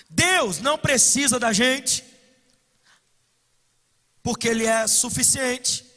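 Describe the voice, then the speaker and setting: A man with a Brazilian accent preaching at a conference, passionate, moving between loud declarations and hushed asides. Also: very high voice. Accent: Brazilian Portuguese. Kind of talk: conference sermon. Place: conference hall. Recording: echoey hall reverb.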